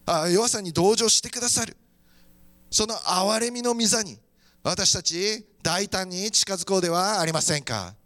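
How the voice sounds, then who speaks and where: High, bright-voiced fervent male pastor. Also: animated, normal speed, dry recording. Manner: fervent, moves between preaching and praying aloud. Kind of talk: sermon with prayer.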